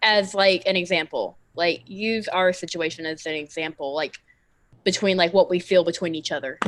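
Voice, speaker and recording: A woman's voice: fairly low pitch, moderate pace, no room sound. A woman guesting on a live stream, talking casually and filling her sentences with "like". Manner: chatty, heavy use of "like".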